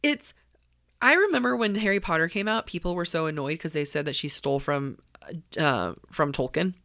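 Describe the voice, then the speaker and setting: Blunt woman chatting, slightly low voice. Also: normal speed, a bit bright, no echo, studio quality. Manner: blunt, sweary, opinionated. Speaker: co-host of a book discussion show. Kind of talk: casual chat.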